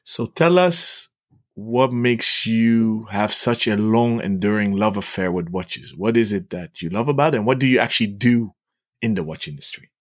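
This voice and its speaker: A man's voice: lowish voice, moderate pace, no room sound, clean studio sound. A man hosting a podcast interview, asking questions in a friendly, playful way. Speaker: podcast host.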